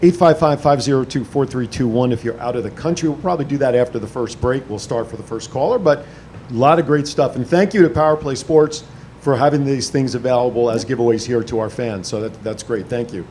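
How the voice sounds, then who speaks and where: A man's voice: medium pitch, brisk, a little mellow, slight background noise. Easygoing male radio show host. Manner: easygoing, joking, chiming in with short agreements. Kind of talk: casual radio chat. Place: radio studio.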